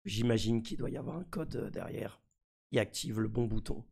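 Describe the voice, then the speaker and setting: A man with a husky, gravelly voice, sick, giving casual live commentary as a mischievous streamer. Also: on the low side, normal speed, darkish tone. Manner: mischievous, trolling his community. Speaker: streamer presenting a crypto NFT project.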